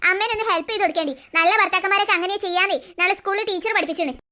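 A performer doing a cheeky schoolgirl daughter in a comic family sketch, in a very high, bright voice that runs very fast. She lectures her father as she talks. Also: faint music behind. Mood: lecturing.

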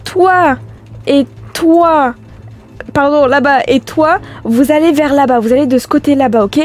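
A woman's voice: high voice, unhurried, darkish tone. A young woman hosting a game role-play video, giving bossy, theatrical commands to her group. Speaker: gaming video host.

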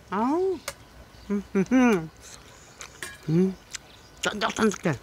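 A woman's voice: mid-range voice, very animated, slow, darkish tone. A middle-aged woman hosting an eating vlog, talking and humming with her mouth full while she chews, blunt and savoring. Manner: blunt, savoring with long hums. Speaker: mukbang channel host. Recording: clear background noise.

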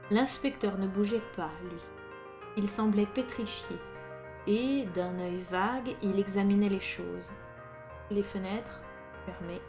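A woman reading a classic adventure story aloud in a lively, dramatic storytelling manner. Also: medium pitch. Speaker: audiobook reader. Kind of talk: expressive audiobook narration. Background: faint piano music.

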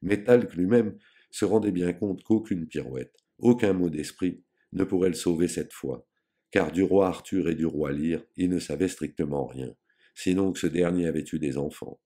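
Deep-voiced man narrating an audiobook. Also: moderate pace, mellow.

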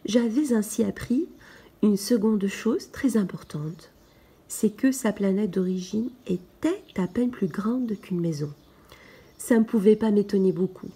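A woman giving a slow, gentle first-person narration in a soft, partly whispered storybook reading. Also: mid-range voice, slightly rough. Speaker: storybook reader.

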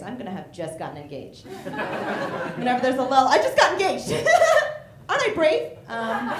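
A young woman from the American Midwest performing a stand-up comedy set, acting out both sides of her arguments and jumping into shrill outbursts. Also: background noise. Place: comedy theater stage before a live audience. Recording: echoey room, loud audience laughter.

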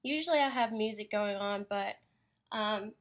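A woman's voice: mid-range voice, normal speed. A young woman painter chatting casually during a live studio stream, rambling a little and laughing easily, recorded on her phone in her studio. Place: her art studio, indoors.

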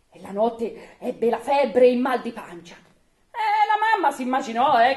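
Woman storyteller, lively high voice, expressive, echoey room. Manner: animated, expressive, laughing asides. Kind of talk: live reading of a folk tale. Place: public evening event.

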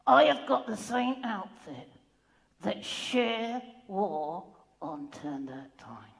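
Woman ventriloquist as a cheeky animated bear puppet, lips barely moving. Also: medium pitch, takes it slowly, gravelly, pitched below the performer's own voice. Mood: boastful. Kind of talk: comic stage ventriloquism act. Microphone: headset. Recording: noisy live stage recording.

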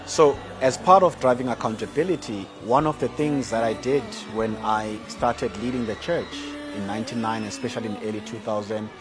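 A man in his forties, an archbishop, talking in a measured, earnest way and building his points with repeated phrases, on a lapel mic in a large hall. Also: mid-range voice. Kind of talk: reflective interview monologue. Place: large indoor hall with tall windows. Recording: interview with music underneath.

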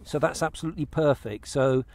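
A man's voice: on the high side, fairly quick, a little mellow. A middle-aged man on a kayak out on open water, talking casually to an action camera and explaining his fishing step by step, often restarting his phrases. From England. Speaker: fishing vlogger. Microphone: action camera mounted on the kayak.

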